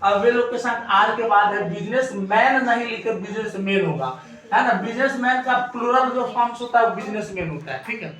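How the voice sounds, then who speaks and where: A male teacher, high-pitched and bright, drills a class with repeated questions. His voice bounces around a very echoey room and sits some way from the mic. A faint hum of ambience runs behind him. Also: lively intonation, a little fast, far from the mic. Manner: asks the class rhetorical questions and repeats answers. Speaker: English teacher. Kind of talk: classroom grammar lesson.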